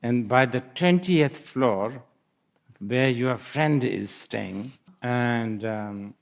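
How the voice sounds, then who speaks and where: A man's voice: medium pitch, extremely slow, creaky. A man giving a Buddhist dharma talk, musing aloud with laughs and hesitant restarts. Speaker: Buddhist teacher. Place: lecture hall.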